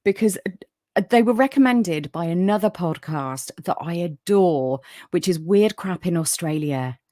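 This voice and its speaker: Speaking at a normal speed with a fairly low pitch, this woman is animated yet soothing as she hosts a casual livestream podcast. She reads viewers' comments and chats warmly, using many fillers. The audio is dry and studio quality.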